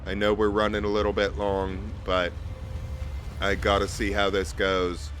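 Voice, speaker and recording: A man's voice: lowish voice, completely flat delivery, unhurried, a bit bright, a little hiss or hum. A man hosting a game playthrough, reading story text theatrically and dropping in casual asides, with music behind him. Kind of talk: video game let's play, reading story text aloud.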